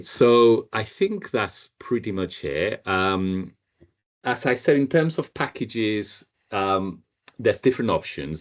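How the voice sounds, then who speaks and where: A man teaching a Spanish class over a video call, patiently repeating each learner's answer. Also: low voice. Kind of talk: online group language lesson.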